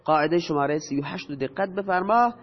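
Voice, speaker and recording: High-voiced man teaching grammar, lo-fi. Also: lively intonation. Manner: asks questions and answers them himself. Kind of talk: explaining grammar to students. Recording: dull lo-fi sound with long reverb.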